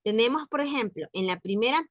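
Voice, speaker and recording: A woman teaching a French pronunciation lesson, slowly modeling vowel sounds and prompting her students with questions. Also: fairly high pitch, lively intonation, no echo. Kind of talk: online language lesson.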